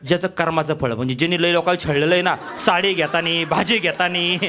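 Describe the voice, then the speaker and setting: A man giving a motivational sales training talk, energetic and full of rhetorical questions to his audience. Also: on the high side, fast talker, slight background noise. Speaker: business trainer.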